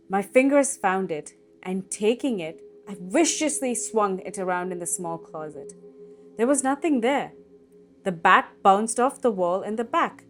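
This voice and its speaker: A woman narrates a creepy tale in a slow, dramatic storytelling manner, leaning into the suspense. Her pitch sits at a middling level, and she takes her time with every line. Soft music plays faintly beneath her voice. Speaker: storytelling cooking channel host. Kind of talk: reading a scary story aloud.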